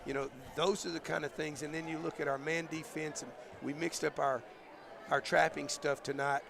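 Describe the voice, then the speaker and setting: A male basketball coach, talking in a halting, thoughtful way with many fillers, his voice going hoarse, in a postgame interview. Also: a little high, little pitch movement. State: losing his voice. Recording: crowd noise behind.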